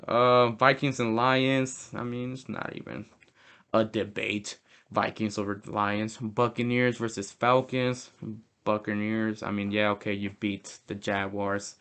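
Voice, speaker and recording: Young man, low voice, casual football picks, chatty, restarts his sentences. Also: fairly bright tone, clear, resonant tone. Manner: chatty, self-correcting, fan banter. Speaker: host. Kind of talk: casual sports prediction talk.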